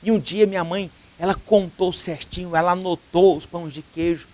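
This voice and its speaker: A Brazilian man preaching as a pastor on a television program. His voice sits high for a man, and he tells a long story with earnest feeling. He brings the quoted dialogue of its characters to life as he goes. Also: fairly even intonation, normal speed, dark tone. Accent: Brazilian Portuguese. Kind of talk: sermon storytelling. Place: TV studio.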